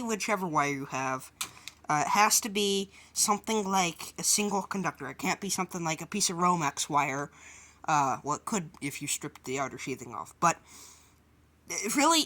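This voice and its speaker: A woman hosts a DIY how-to video in a lowish, fairly bright voice. She describes each step casually and with a touch of hesitation.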